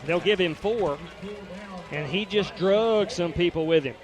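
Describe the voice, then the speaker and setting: Higher-voiced male color commentator, folksy and partisan, breaks down plays in detail. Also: a little slow, over music. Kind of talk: radio football color commentary.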